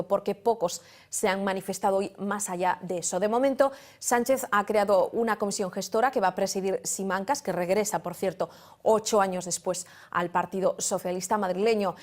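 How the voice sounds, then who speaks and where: A woman news anchor reading the evening bulletin in a brisk, formal manner. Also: mid-range voice, a little mellow.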